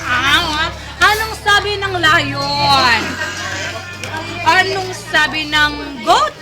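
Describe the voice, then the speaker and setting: High-pitched coaxing woman on a busy street. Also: very slow, loud music behind the voice. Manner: coaxing, playful prompting. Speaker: parent filming her child. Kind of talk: home video, coaxing a toddler. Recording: loud street noise and crowd chatter.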